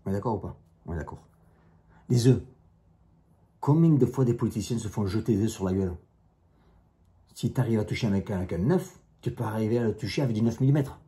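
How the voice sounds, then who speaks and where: A man's voice: lowish voice, fast talker, long pauses, warm tone. A man with a strong accent talking bluntly straight to camera in a casual monologue, repeating himself and dismissing critics. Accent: strong non-native accent in French. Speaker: YouTuber, self-defence instructor.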